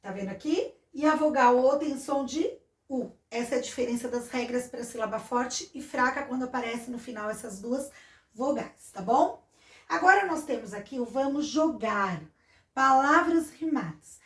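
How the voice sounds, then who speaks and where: A woman's voice: sits high, moderate pace, fairly bright tone. A woman with a Brazilian Portuguese accent teaching a recorded lesson, patiently explaining step by step and checking that students follow. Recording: echoey room.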